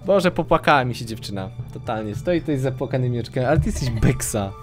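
Young male streamer, chatty, mid-pitch, game music faint underneath. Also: lively intonation, fast. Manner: chatty, talks to viewers and girlfriend off-mic, mixes English gaming words. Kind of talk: casual gameplay commentary.

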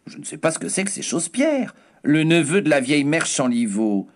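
A haughty aristocratic duchess, sharp-tongued and mocking, as a male reader puts her on. Her voice leaps high and swoops with imperious disdain. Every word is clipped and theatrical. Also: very animated, a little fast. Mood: disdainful.

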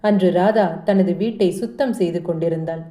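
A woman narrating a family short story in a brisk, plain storytelling manner. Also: on the low side, mellow. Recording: echoey room.

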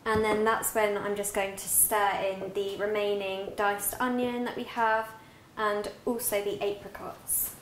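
This is a cooking demonstration chat from a young British woman in her twenties, a cookbook author guest-cooking at home, talking upbeat through each step of a recipe as she cooks. Her mid-range voice comes across flat and a little slow, with background noise. The kitchen is roomy and has music behind her.

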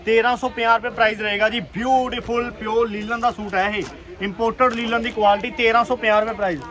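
A man with a Punjabi accent giving an urgent, repetitive, enthusiastic sales pitch as a shop seller on an online video. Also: level tone, fast talker, fairly bright tone. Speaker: clothing shop seller presenting stock. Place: busy clothing shop.

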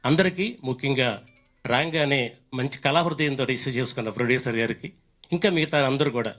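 A man's voice: medium pitch, fairly quick, a bit bright, soft background music. An older man, a mimicry artist, chatting and joking between impressions on a stage with a handheld mic. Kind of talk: stand-up mimicry act. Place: stage event.

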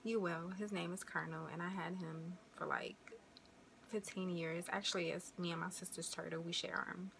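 A young woman in her twenties talks casually to her camera, rambling from one thing to the next with plenty of fillers. Her voice sits fairly low and has a gravelly, fry-laden edge. There is a faint hiss of noise behind her. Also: fairly even intonation, normal speed, a bit bright. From American Midwest. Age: 20s. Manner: chatty, rambling, uses y'all and you know. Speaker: vlogger.

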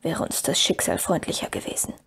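A woman reading an audiobook, voicing a calm, watchful male ranger who leads the group. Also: a little fast, lightly acted. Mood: grave.

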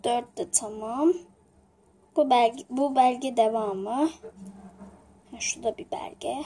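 A woman's voice: fairly high pitch, takes it slowly, mellow, husky. A woman voicing an anxious young office worker in a homemade toy drama, frantic and tearful when things go wrong. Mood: calm. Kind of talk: toy-figure home drama.

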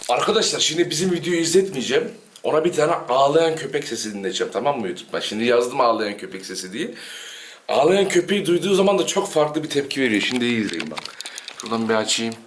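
A man's voice: medium pitch, background noise. A man, chatting casually to viewers in a home vlog while teasing and scolding his dog. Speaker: dog channel vlogger.

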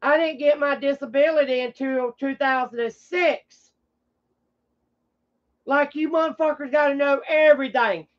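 A streamer rambles off the cuff to viewers during a casual livestream, blunt, combative, and foul-mouthed. The voice is high-pitched and a little slow, with the highs cut off.

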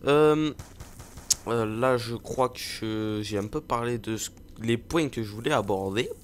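A man's voice: mid-range voice, measured pace, a little hiss or hum. A young man giving rambling, playful live commentary over a video game, with lots of fillers and jokes at his own expense. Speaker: gaming video host.

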